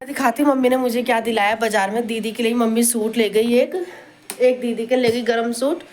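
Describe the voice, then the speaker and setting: A woman's voice: a little high, fairly even intonation, brisk, darkish tone. Chatty young woman vlogging from home. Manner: chatty, rambling, scolds a toddler between remarks. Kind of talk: casual home vlog chat.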